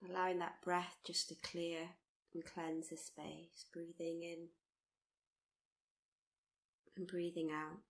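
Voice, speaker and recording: At a live workshop session, a woman conducts a body-scan meditation with calm, gentle encouragement. Her slightly low voice stays flat and level throughout, and she takes her time, often repeating herself.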